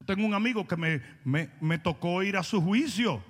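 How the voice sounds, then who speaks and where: A man's voice: sits high, expressive, normal speed, husky, long reverb tail. A male pastor preaching a blunt, confrontational sermon, mocking people and acting out their quoted words in voices.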